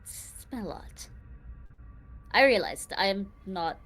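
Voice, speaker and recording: A woman's voice: mid-range voice, lively intonation, takes it slowly, music in the background, low-quality recording. A woman playing her character in a tabletop game, talking bluntly and chattily. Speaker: player. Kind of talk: in-character tabletop role-play.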